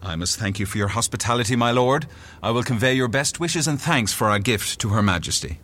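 An actor playing a suave, sly fae noble and courtly emissary, with a flippant, theatrical manner, in an audio drama. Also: male voice, medium pitch, animated, a little fast, fairly bright tone. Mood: smoothly courtly. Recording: music behind the voice.

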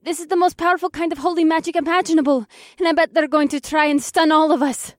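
A man doing a quick-minded young witch in an audiobook, her voice pitched very high and pressed into a strained falsetto. The reading is dry and close, with no room around it. She talks urgently and fast. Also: fairly even intonation, no echo. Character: sharp-witted young witch woman, urgent.

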